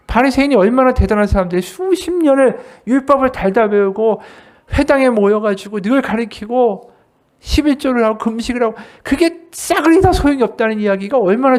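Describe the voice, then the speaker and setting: An associate pastor delivers a sermon at a church service in a medium-pitched voice. His animated delivery swings up and down, and he puts many rhetorical questions to the congregation.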